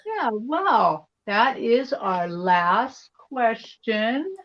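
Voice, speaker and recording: A woman's voice: on the high side, big pitch swings, drawn-out words. A woman hosting a live psychic show, chatting casually, with slightly dull stream audio.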